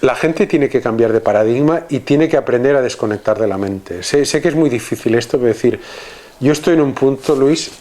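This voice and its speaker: A man from Catalonia with a Spanish accent is a guest in a casual conversation. His mid-range, darkish voice comes out haltingly, full of restarts and fillers.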